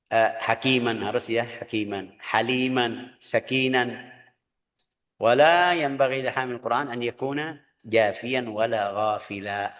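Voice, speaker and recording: Casting: male preacher, earnest and animated, long hall reverb. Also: medium pitch. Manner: earnest, lively preaching with quoted voices. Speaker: religious teacher. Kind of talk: Quran study lecture.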